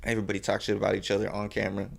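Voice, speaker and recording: A man's voice: lowish voice, monotone, racing, gravelly. A young man from California talking casually as a podcast guest, rambling and laid-back with lots of swearing and fillers. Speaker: podcast guest, battle rapper.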